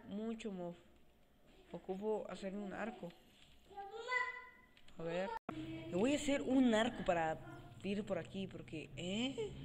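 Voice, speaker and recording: Male gamer, home let's play, excitable, swears a lot, self-talk, quiet cheap mic. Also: sits high, noisy background. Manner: excitable, swears often, talks to himself while playing. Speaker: gaming channel host. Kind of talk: let's play gameplay commentary. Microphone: cheap desk mic without a stand, voice comes out quiet.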